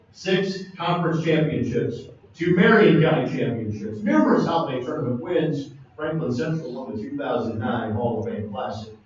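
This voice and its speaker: A man in his forties acting as banquet emcee, introducing an inductee and reading his credentials in steady lists. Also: fairly high pitch. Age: 40s. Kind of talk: formal introduction speech. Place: large banquet hall. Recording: echoey hall, distant muffled mic, faint noise.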